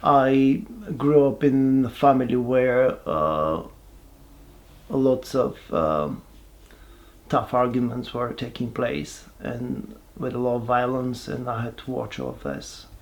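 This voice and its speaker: A man, giving a halting, reflective personal testimony with many pauses and restarts. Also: mid-range voice, highs cut off. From Bulgaria. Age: 40s. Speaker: person sharing his life story.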